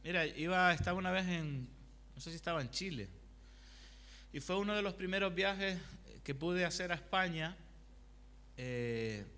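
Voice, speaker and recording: A man's voice: on the high side, pushed and bright. A male pastor preaching a conversational sermon, asking the congregation questions and telling personal anecdotes. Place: church hall. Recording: long hall reverb.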